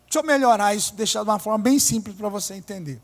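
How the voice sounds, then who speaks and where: A man preaching a sermon as pastor, emphatic, swinging from loud declarations to low, joking asides. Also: quick pace. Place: church hall. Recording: long church reverb.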